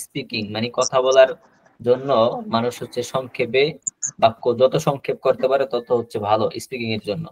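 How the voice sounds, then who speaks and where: A man teaching a spoken-English class over a video call, repeating each example slowly and drilling pronunciation. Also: mid-range voice, flat delivery, dry recording.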